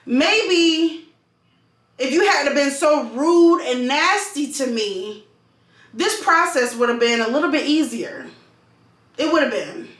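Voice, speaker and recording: A woman's voice: high-pitched, lively intonation, slow, a bit bright. A woman venting casually to camera, emphatic and repeating phrases for stress. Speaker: vlogger and call center customer service worker. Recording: echoey room.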